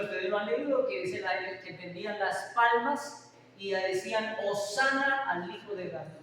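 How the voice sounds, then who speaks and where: A man preaching a sermon, often putting questions to his congregation. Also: sits high. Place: church hall. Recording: echoey hall from far off, faint hiss.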